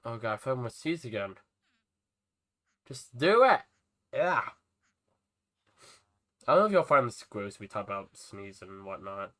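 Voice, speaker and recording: A man's voice: on the low side, lively intonation, brisk, pauses often, sharp tone. A young man chatting casually on a live game stream, with a stuffy, nasal voice as if he is about to sneeze. He rambles to his viewers and talks to the creatures in his game. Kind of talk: casual live-stream chat while playing.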